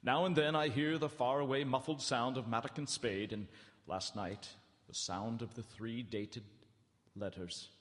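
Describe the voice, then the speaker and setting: This performer's steady, medium-pitched voice stays near natural speech as he voices an earnest, terrified English prisoner narrating his journal for a live radio horror show. Halting, theatrical and given to anxious repetition, the delivery carries dread, echoing with long reverb from the large theatre hall stage where it's broadcast live.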